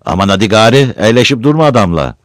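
A man's voice: mid-range voice, expressive, normal speed, no room sound, clean studio sound, pitched above the performer's own voice, lightly acted. A man voicing a fussy, impatient old village woman. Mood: scolding. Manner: scolding, impatient.

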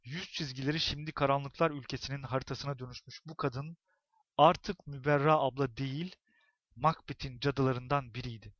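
A man narrating a novel as an audiobook, in expressive, tense storytelling. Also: medium pitch, moderate pace, dry recording, dull audio.

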